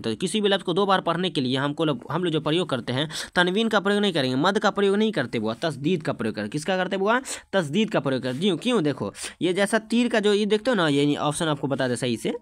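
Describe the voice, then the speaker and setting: A man teaches an exam-prep lesson in a high voice, repeating each term and asking the class questions. The recording is dry and close, with no room sound. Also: a bit bright, no echo.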